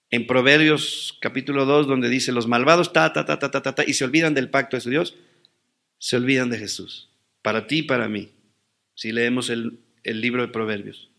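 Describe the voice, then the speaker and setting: A man's voice: medium pitch, vocal fry, sharp tone. A man preaching a sermon as pastor, asking rhetorical questions and answering them with rising emphasis.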